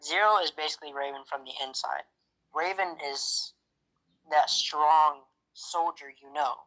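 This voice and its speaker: A man voicing a character in a game roleplay, talking in a halting, hesitant way full of fillers. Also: fairly high pitch, bright, forceful tone, rough recording. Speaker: roleplay player.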